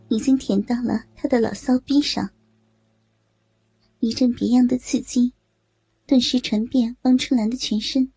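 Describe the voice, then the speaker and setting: A woman narrates a story at a slow, measured pace. Her voice is fairly high but dark and mellow, with a gravelly, husky grain. The recording is dry and close, with faint music underneath. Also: no echo.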